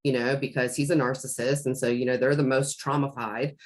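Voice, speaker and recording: A woman's voice: rumbling low, little pitch movement, fairly quick. A middle-aged woman in casual podcast conversation, rambling with many restarts and fillers as she tells a story from home. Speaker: life coach.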